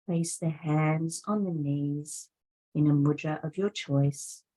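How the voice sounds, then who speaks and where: Guiding a meditation, a female yoga teacher speaks in a low, gently mellow voice, very unhurried and soothing. She phrases things deliberately with long pauses and stays calm and instructive throughout, though the audio is poor.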